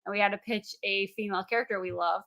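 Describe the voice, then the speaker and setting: Bright, playful woman in her late twenties. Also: medium pitch, steady tone, gravelly. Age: 20s. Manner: playful, teasing, quick to laugh. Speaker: podcast co-host. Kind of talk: casual chat.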